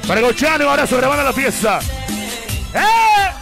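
A man working as a party MC and DJ, brashly taunting and hyping a live dance crowd with shouted calls. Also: very high voice, very animated, normal speed, vocal fry. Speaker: party MC and DJ host. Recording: live PA over loud music. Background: loud party music.

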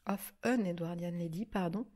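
A woman's voice: on the low side, moderate pace, a little mellow, slight background noise. Hesitant woman chatting about books. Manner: hesitant, many fillers and restarts. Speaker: vlogger reviewing books. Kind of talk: casual chat. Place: at home by her desk.

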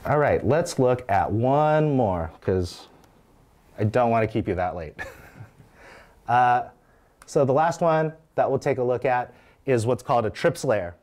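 Guy in his 30s presenting code at a meetup, chatty, keeps asking "right?", mid pitch. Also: expressive, unhurried, long pauses, darkish tone. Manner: conversational, frequent "right?" checks and restarts. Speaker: conference speaker. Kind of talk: live technical talk walking through code. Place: meetup room with audience.

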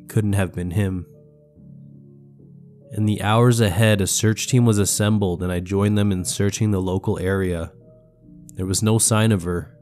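A man who sounds sick, reading a first-person horror story in slow, measured scripted narration. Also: lowish voice, darkish tone.

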